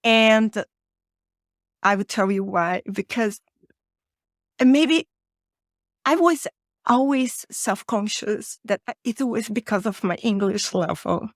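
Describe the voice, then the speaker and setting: A Brazilian woman from Rio de Janeiro, a native Portuguese speaker with a Brazilian accent, chats as an interview guest on a podcast; she is an author and podcaster herself. Her mid-range voice has lively intonation, and she speaks slowly with long pauses. The studio-quality recording has no echo.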